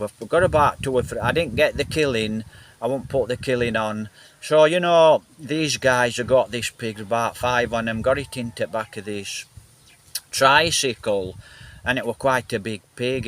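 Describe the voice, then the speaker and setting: Northern English bloke, mid-pitched, loose chatty vlog delivery into a handheld phone. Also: male voice, a bit bright. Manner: rambling, repeats himself, many "you know" fillers. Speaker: vlogger. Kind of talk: casual rambling vlog chat. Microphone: phone held in hand, then on a gimbal.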